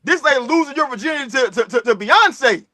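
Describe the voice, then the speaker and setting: A man's voice: very high voice, lively intonation, brisk, pushed and bright. A man, a filmmaker, chatting casually in a rambling, earnest way full of fillers. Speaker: filmmaker guest. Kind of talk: casual chat.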